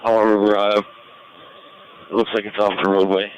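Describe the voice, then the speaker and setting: A man giving a measured, slightly hesitant status report as an emergency responder on a two-way radio. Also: lowish voice, flat delivery, dull audio. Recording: scanner radio with light noise.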